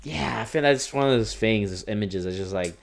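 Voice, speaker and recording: A man's voice: on the low side, a little fast, vocal fry. A young man co-hosting a casual podcast at a bar, talking in laid-back, profane banter with many restarts. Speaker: podcast co-host. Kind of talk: casual chat over beers.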